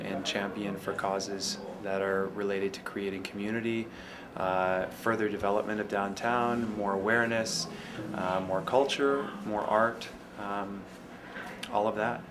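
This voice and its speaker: A man who owns businesses downtown, answering interview questions in a measured, halting way with frequent fillers. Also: on the low side.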